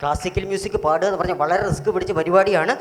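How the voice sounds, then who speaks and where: A pastor hosting a children's Bible school, telling a story and quizzing the children with animated, rising questions. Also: male voice, sits high, fast. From Kerala, India. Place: auditorium. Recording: echoey hall with faint noise.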